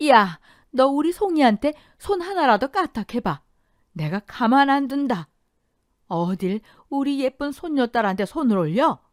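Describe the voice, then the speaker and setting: A woman's voice: on the high side, expressive, measured pace, no echo, clean studio sound, pitched above the performer's own voice. A woman voicing an elderly grandmother in an audio drama, tearful one moment and scolding fiercely to protect her granddaughter the next. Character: elderly grandmother, rice-mill owner, fierce but grieving.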